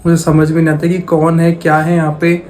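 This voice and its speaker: A man's voice: a little high, monotone, fairly quick, a little mellow, soft background music. Man telling a horror story casually. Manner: retells dialogue in plain conversational voice, repeats phrases.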